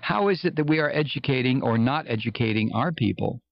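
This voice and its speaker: A man's voice: medium pitch, lively intonation, fairly quick, gravelly, highs cut off. An American man on an impassioned, sarcastic political rant, speaking as a commentator with exasperated, mocking emphasis.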